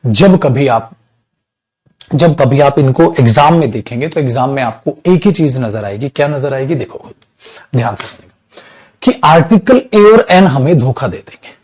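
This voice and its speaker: A man's voice: mid-range voice, expressive, moderate pace, darkish tone, slightly rough, poor audio. A man teaching an English class online, calling students "beta" and stretching out sounds to demonstrate them.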